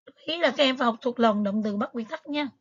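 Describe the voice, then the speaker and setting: This English teacher speaks fast in a high-leaning voice, captured with lo-fi sound. In an exam review lesson, she patiently works through the material one step at a time, filling pauses often.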